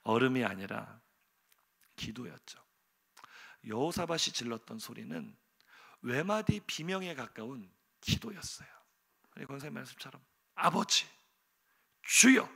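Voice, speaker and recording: A middle-aged man preaching a sermon as a pastor in a church, telling the story with animated energy, sudden loud exclamations and rhetorical questions to the congregation. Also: mid-range voice, moderate pace, vocal fry, pauses often, breathy edge. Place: church sanctuary.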